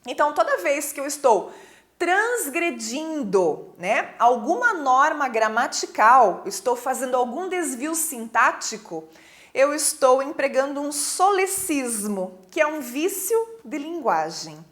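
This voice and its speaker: A woman's voice: high voice, big pitch swings, a little slow, a bit bright. A woman teacher with a Brazilian Portuguese accent, giving a recorded lesson in a patient, explanatory way and often checking that students follow.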